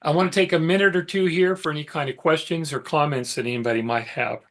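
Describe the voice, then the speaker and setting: A middle-aged man teaches a mythology session, slightly higher-pitched than most men. He tells the story loosely, with asides and filler words, like he's chatting with the class. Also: steady tone, fast talker, fairly bright tone. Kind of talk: informal lecture storytelling.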